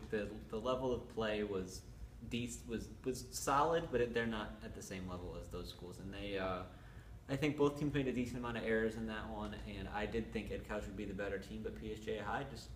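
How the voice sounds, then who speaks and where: Relaxed man with dry humor, echoey. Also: on the low side. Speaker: sports reporter. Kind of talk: casual podcast chat. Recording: roomy echo, faint noise.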